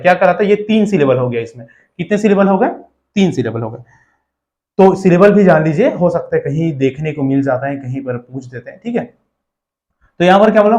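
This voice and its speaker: A man with a fairly high voice teaching an exam-prep lesson. He keeps asking little questions and answering them himself, switching between Hindi and English. English passages are read slowly, word by word, before he explains them. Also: a little mellow. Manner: mixes Hindi and English, asks and answers his own questions.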